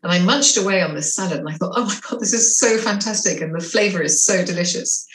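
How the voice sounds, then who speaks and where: A middle-aged, half-French, half-English woman with a mixed French and English accent and a lowish voice talks fast and enthusiastically as a cooking instructor. She gives a cooking demonstration over a video call from her home kitchen, recorded on the webcam with echo and faint noise.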